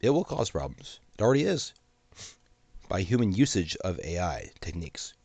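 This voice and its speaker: Low-voiced guy, stuffy nose from a sinus thing, talking solo about tech, dry close mic. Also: big pitch swings, normal speed, darkish tone, breathy edge, no echo. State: congested from a sinus infection. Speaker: host of an AI commentary channel. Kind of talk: solo commentary to camera.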